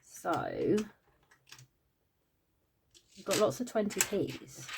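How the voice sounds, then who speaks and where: A woman's voice: on the low side, wildly swooping pitch, very slow, vocal fry, background noise. Tired British woman chatting about budgeting. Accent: British English. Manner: chatty, counting money aloud, with frequent "um" fillers. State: tired and yawning. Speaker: budgeting vlogger. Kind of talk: casual cash-stuffing vlog chat.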